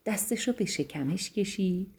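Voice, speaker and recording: With a warm, mellow, husky voice, a woman affectionately tells children a bedtime story. Her tone is gentle, and the lively sing-song rise and fall of her pitch animates the tale.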